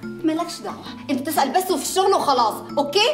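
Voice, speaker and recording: A woman's voice: high-pitched, lively intonation, very fast. An actress playing a snappy woman engineer who answers curtly and dismissively in an Egyptian accent. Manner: curt, dismissive. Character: sharp-tongued young woman engineer, snappy. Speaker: engineer at the company. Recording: film audio with room echo and music.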